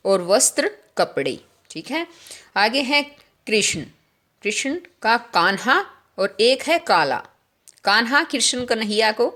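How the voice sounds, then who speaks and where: A woman's voice: medium pitch, fairly bright tone. A woman teacher explaining a grammar lesson to young children, who keeps checking whether they have understood.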